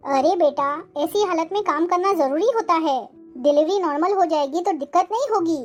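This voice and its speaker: A woman voicing a shrill scolding mother-in-law. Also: moderate pace, faint music behind. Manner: melodramatic, complaining. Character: scolding, self-pitying old mother-in-law. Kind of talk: cartoon family drama voice acting.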